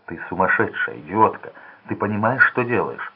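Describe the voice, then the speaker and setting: A man's voice: lowish voice, animated, normal speed, husky. A man voicing a nervous small-time crook, urgent and edgy, in a tinny lo-fi recording. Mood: exasperated. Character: anxious small-time male crook, young. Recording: tinny phone-like lo-fi sound.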